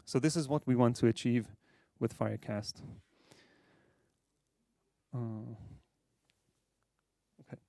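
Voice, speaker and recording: A man from Hungary, a software architect, giving a measured conference presentation with frequent fillers. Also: mid-range voice, vocal fry, no echo, studio quality. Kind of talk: conference talk.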